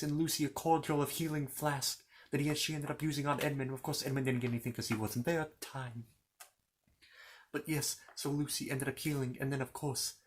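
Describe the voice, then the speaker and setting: In an informal ASMR style, a man with a medium-pitched voice rambles through a children's fantasy story, adding playful, courteous asides to the listener.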